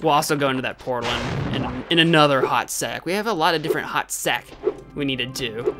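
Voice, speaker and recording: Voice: mid-range voice, quick pace, music in the background. A game livestream host chatting casually with viewers, playful and rambling, often repeating phrases.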